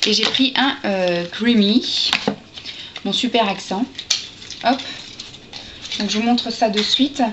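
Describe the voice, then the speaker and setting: A woman's voice: medium pitch, a little slow, long pauses. A woman chatting casually to her camera as a beauty vlogger, hesitant and full of fillers, with little asides as she handles things. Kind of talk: casual haul chat to camera. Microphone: camera's built-in mic. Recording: dull lo-fi camera audio with steady hiss.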